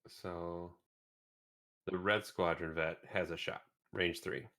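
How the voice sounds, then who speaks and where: A man co-hosting a live-streamed tabletop game, calmly reading out dice results step by step. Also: deep voice, slow. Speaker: co-host calling dice rolls.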